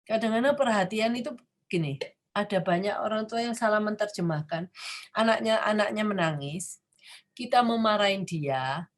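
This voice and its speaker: A woman's voice: medium pitch, normal speed. A middle-aged woman with an Indonesian accent, a clinic founder giving parents informal advice, explaining patiently and acting out short quotes.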